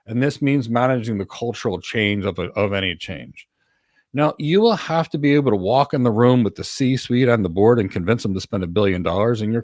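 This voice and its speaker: The voice is a man's, medium in pitch, recorded dry with clean studio sound. He's a career coach and host taking audience questions in a relaxed Q&A, explaining emphatically and assertively and repeating key words for emphasis.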